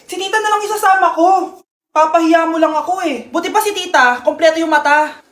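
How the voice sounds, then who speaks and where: A woman's voice: very high-pitched, fairly quick, fairly bright tone, echoey room. A woman voicing a whiny, bratty teenage daughter in a comedy skit.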